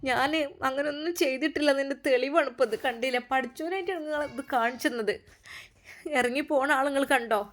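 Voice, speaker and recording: A woman voicing a scheming, middle-aged aunt with a Malabar Malayalam accent who weeps and complains in a soft, breathy voice. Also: close to an everyday voice. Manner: weepy, complaining, breathy low level.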